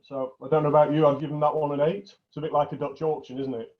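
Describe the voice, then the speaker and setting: A chatty man judges cheese, explaining with easy authority and a dry joke here and there. His voice sits slightly high, and the audio is a touch dull and muffled. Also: level tone, fast talker. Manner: chatty, jokey, knowledgeable. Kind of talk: casual tasting commentary.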